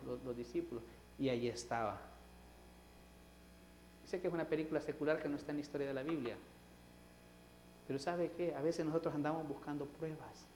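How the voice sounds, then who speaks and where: Animated preacher man in a roomy church. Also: a little high, a little hiss or hum. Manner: animated preaching, swings between loud emphasis and soft asides, acts out quoted voices. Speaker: pastor. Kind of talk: sermon. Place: church sanctuary.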